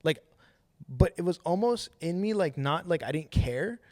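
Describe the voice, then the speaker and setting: A man's voice: a little high, normal speed, no echo. A man hosting a podcast, telling a personal story in casual, slangy chat and acting out what people said. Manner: slangy and animated, acts out quoted dialogue. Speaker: podcast host telling his testimony.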